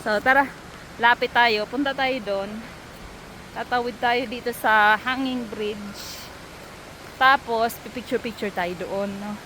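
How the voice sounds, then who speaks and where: Giggly high-voiced woman vlogging outdoors. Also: a little hiss or hum, poor audio. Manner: excitable, giggly, exclaims often. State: nervous and shaky on a bridge. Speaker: travel vlogger. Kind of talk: casual vlog narration. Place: outdoors by a waterfall. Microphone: handheld phone. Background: rushing waterfall.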